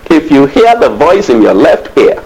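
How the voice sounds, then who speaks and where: A man's voice: a little high, sing-song, moderate pace, a little mellow, poor audio. A man preaching a sermon as pastor. He calls out to the congregation, asks them questions and often adds hallelujahs. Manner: call-and-response preaching, frequent hallelujahs.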